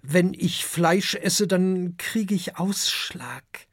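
A man voicing a gentle young male dragon who speaks politely and a little hesitantly, in a children's audiobook. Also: high voice, extremely slow, husky, dry recording, clean studio sound, voice pushed up, heavily acted. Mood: polite earnest.

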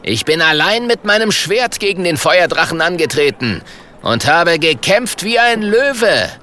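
Squeaky stammering coward knight. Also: male voice, wildly swooping pitch, extremely slow, sharp tone, a little hiss or hum, heavily acted. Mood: cowardly stammering.

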